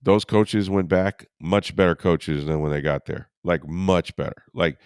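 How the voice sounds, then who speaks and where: Hoarse deep-voiced man, sports podcast host. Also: unhurried, dry recording, studio quality. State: hoarse, with a cold.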